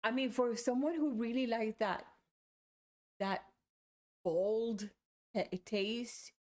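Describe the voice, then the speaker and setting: A woman's voice: on the high side, slow pace, darkish tone. A woman co-hosting a casual live chat in a plain-spoken, conversational way. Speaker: livestream co-host.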